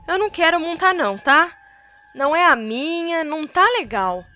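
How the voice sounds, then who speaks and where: A woman voicing a timid, anxious young man in a retold soap-opera scene, pitching her voice up to plead and protest. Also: animated, normal speed, fairly bright tone. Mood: panicked.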